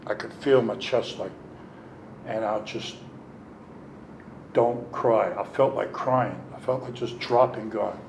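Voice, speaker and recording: A middle-aged man telling his recovery story at a meeting, candid and animated, acting out what others said. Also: lowish voice, a little slow, vocal fry, echoey room, slight background noise, rough recording. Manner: candid, animated, acts out quotes. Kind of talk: personal storytelling.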